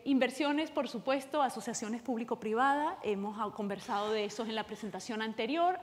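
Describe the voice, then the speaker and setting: A woman from Venezuela speaks on a conference panel, explaining her points in a hurried way with many fillers. Her voice sits slightly high. The sound carries a long reverb from a large conference hall. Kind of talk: conference presentation.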